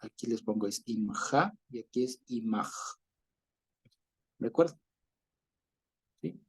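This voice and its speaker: A man's voice: medium pitch, lively intonation, takes it slowly, breathy edge. A man teaching an online Bible class over a video call, explaining patiently, often checking in with listeners and chuckling as he goes.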